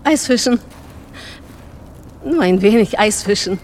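A woman's voice: mid-range voice, animated, unhurried, a little mellow, natural voice. A woman dubbing a widowed older woman in a thriller, flustered and apologetic, later frantic. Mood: polite. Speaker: dubbed film character. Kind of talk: dubbed film acting. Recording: film soundtrack with background noise.

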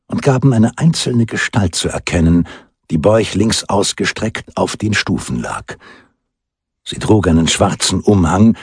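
A man narrates an audiobook in a measured storytelling manner. His low voice is husky. The recording is dry and close. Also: a little mellow, no room sound. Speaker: audiobook reader.

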